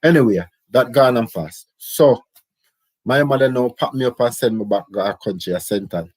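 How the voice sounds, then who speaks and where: A man's voice: mid-range voice, moderate pace, a little mellow, breathy edge, no room sound. A middle-aged Jamaican man telling his life story in casual, rambling patois. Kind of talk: casual autobiographical chat.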